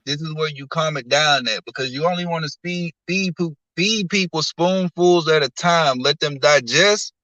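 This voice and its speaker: Bright-voiced man preaching his theories. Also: on the high side, no echo, rough recording. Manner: preachy, explains slowly and firmly. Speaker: guest. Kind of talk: casual live-stream talk.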